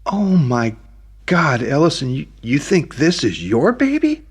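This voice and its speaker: A man's voice: a little high, huge pitch swings, a little slow, slightly rough, voice pushed up, exaggerated voice. A man reading an audiobook, voicing a tearful, anxious young woman who pleads emotionally. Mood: shocked.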